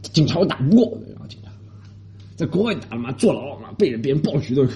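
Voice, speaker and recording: Fast, animated man from Shanghai. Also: medium pitch. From Shanghai, China. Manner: animated, indignant, rambling. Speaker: podcast host. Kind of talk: casual storytelling monologue. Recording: dull lo-fi recording.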